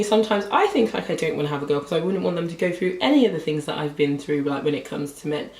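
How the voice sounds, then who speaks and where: A young woman talks casually about books, slightly hoarse and filling her sentences with "like". She sits a little back from the mic, in a room with a noticeable echo. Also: lowish voice, darkish tone, recorded from a distance. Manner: chatty, rambling, lots of "like" fillers. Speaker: book vlogger. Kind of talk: casual book review chat. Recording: roomy echo, voice a bit off-mic.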